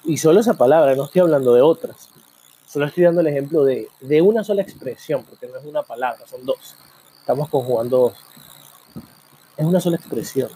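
Guy musing out loud on his show, asks lots of questions, slow pauses, warm dark voice. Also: fairly high pitch, husky. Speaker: program host. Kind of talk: reflective spoken monologue.

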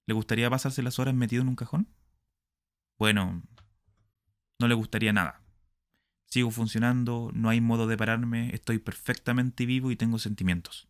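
A man's voice: medium pitch, fairly even intonation, normal speed, pauses often, lightly acted. A man voicing a resentful male puppet double that complains about being shut away. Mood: complaining. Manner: complaining, aggrieved.

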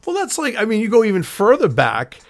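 A man's voice: high voice, huge pitch swings, brisk, dry recording. A man telling stories in a casual chat, rambling and swearing, acting out the scenes. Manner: rambling storyteller, swears often, acts out scenes.

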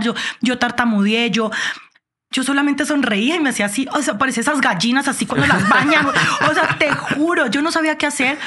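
A woman in her thirties, born in Miami and raised in Colombia, talking expressively as a guest in an interview. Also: high voice. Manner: animated, expressive storytelling with frequent "o sea". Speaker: guest, TV host and actress. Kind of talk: casual interview chat.

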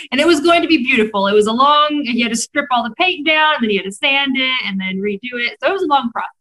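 Woman, 30s, high voice, podcast guest, animated storyteller who laughs a lot. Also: fast talker, rough recording. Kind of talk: casual podcast chat.

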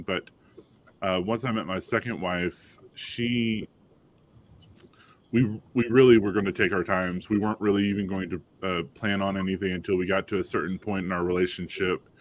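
A man, telling a personal story on a panel, halting with fillers and restarts but animated when quoting others. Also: lowish voice, a little hiss or hum. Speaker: panel guest father.

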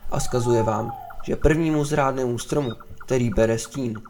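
An actor voicing a greedy, disloyal servant in a fairy tale, speaking in an obsequious, sly manner. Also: male voice, mid-range voice, close to an everyday voice. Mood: reporting. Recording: noticeable background noise.

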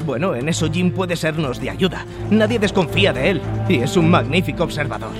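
An actor playing an agitated, stubborn gentleman doctor in a Spanish radio drama, flustered and insistent. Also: fairly high pitch, lively intonation, brisk, music in the background, close to an everyday voice. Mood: worried. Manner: flustered, insistent, stammering slightly.

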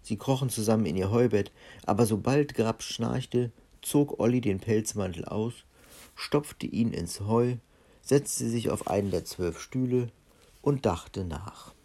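Brief: man reading a storybook to kids, low, gravelly, husky. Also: measured pace, dark tone. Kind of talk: reading a children's book aloud.

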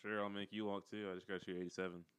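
A man's voice: on the low side, little pitch movement, racing, a bit bright, clean tone, dry recording. A man co-hosting a casual podcast chat, teasing his partner bluntly and laughing often. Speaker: podcast co-host, golfer.

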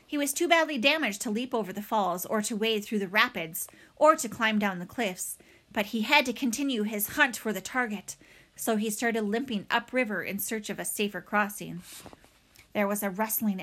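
A woman reading a children's novel aloud in a dramatic, expressive way. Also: mid-range voice, normal speed. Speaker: audiobook reader. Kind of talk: storybook read-aloud.

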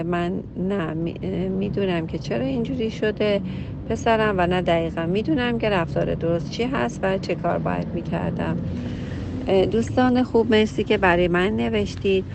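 A woman's voice: on the low side, creaky, very noisy. A woman counselor who reads out a listener's letter and answers it with direct, emphatic advice. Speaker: family counselor.

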